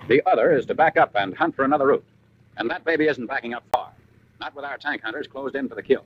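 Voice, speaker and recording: Fast and medium-pitched, this American narrator reads a 1940s military training film script in snappy, everyday wartime slang. The old film soundtrack is lo-fi, with a little hiss or hum.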